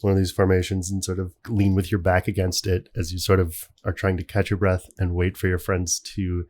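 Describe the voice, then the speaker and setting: A man's voice: deep voice, flat delivery, brisk, darkish tone. A man acting as game master, improvising scene narration for a tabletop role-playing game in a conversational way. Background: background music.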